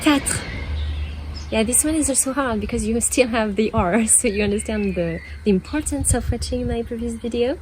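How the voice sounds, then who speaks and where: A young French woman teaching her language in a casual video lesson, playful, laughing often and drilling words slowly for learners to repeat. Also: fairly high pitch, background noise.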